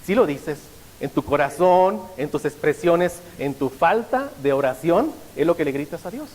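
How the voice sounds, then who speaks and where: A man's voice: on the high side, animated, moderate pace, darkish tone, long reverb tail, rough recording. A male pastor preaching a sermon, often stopping to ask the congregation rhetorical questions.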